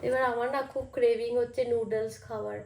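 A woman's voice: fairly high pitch, level tone, quick pace, darkish tone, reverberant. A young woman with a West Bengal Bengali accent, vlogging casually from home and talking straight to her viewers. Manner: talkative, addresses viewers directly. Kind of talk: casual chatty vlog to camera. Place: at home indoors. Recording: clear background noise.

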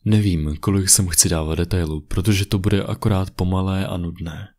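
A man narrating a creepypasta in a steady, even horror-story reading on a condenser microphone. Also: deep voice. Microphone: USB condenser mic.

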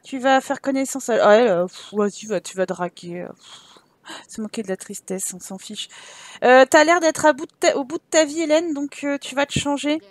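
Young female let's-play host, bright high pitch, dry booth sound, playful running commentary. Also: normal speed, no room sound. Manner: chatty, teasing her characters with exclamations. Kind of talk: casual gameplay commentary.

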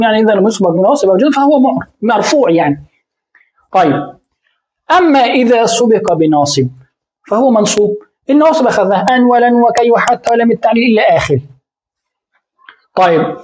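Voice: mid-range voice, darkish tone. A grammar teacher explaining a lesson, tossing out rhetorical questions and answering them, repeating key terms again and again.

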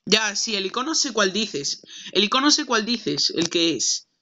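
Brash young gamer. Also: male voice, high-pitched, big pitch swings, a little slow, sharp tone, lo-fi sound, a little hiss or hum. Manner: brash, swears, argues with someone off-mic. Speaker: gaming streamer. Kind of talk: gameplay commentary.

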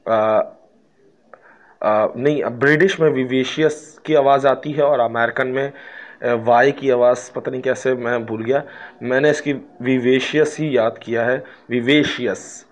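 Slow, joking Pakistani English teacher. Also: male voice, mid-range voice, fairly even intonation. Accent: Pakistani Urdu. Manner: slow, drawn-out English example sentences, jokey asides. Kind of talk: casual spoken lesson.

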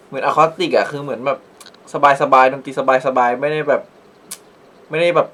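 A man's voice: medium pitch, a bit bright. A man hosting a reaction channel, chatting casually about a performance, rambling with lots of restarts and polite phrasing.

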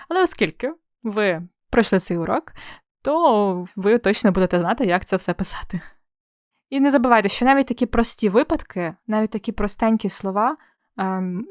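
A woman's voice: medium pitch, no echo. Young female tutor, friendly exam-prep explainer, dry close recording. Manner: friendly explaining, playful comparisons, rhetorical questions. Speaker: teacher. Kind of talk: exam-prep spelling lesson.

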